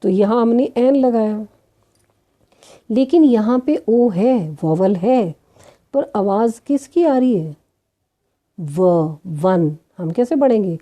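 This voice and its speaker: A woman gives a grammar lesson in a slow, unhurried rhythm. Her voice is very dark and soft. She keeps asking her students questions, answers them herself, and spells out sounds one at a time. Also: medium pitch, expressive. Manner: addresses students as children. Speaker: teacher.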